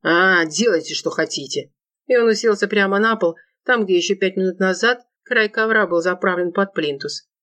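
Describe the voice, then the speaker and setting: Woman, audiobook narrator, first person, wry, even, middle pitch. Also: a little fast, hardly any pauses.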